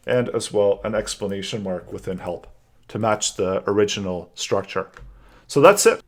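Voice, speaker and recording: Low-voiced guy doing a coding tutorial, calm and step by step. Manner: calm, methodical explaining while typing code. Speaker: coding instructor. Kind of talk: screen-recorded coding tutorial.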